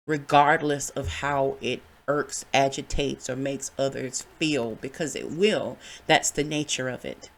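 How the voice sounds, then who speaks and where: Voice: medium pitch, vocal fry. A podcast host giving a candid, heartfelt solo monologue, with casual swearing.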